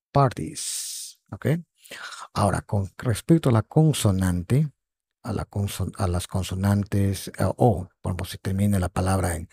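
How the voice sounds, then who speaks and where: A man teaching an online English lesson at an unhurried pace. His low voice is gravelly and husky. He patiently repeats words and keeps checking in with his students, recorded close and dry. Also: warm tone, dry recording. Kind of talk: online lesson explaining grammar.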